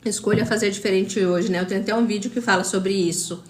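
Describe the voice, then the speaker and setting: A woman with a Brazilian Portuguese accent, working as a spiritual coach, hosts a motivational live stream, greeting viewers by name and speaking with emphatic repetition. Her mid-range voice is steady in tone and fast, in an echoey room.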